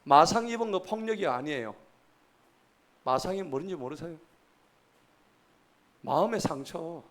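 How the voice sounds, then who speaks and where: A man's voice: fairly high pitch, expressive, unhurried, fairly bright tone. A man, preaching a sermon at a church service in a folksy, joking way and quizzing the congregation. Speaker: pastor.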